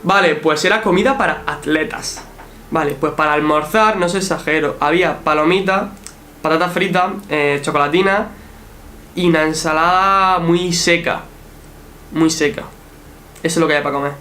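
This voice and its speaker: High-voiced young man telling a story. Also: moderate pace, slight background noise. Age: young adult. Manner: animated, swears freely, acts out quotes. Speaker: athlete recounting his show run. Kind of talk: casual storytelling vlog commentary.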